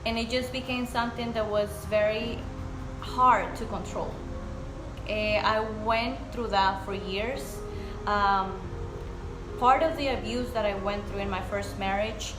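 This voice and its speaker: A woman's voice: mid-range voice, steady tone, a little slow. A woman from Colombia in her thirties, speaking English. She tells her own life story to the camera in an earnest, openly emotional way. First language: Spanish. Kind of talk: personal testimony to camera. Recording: roomy sound with music underneath.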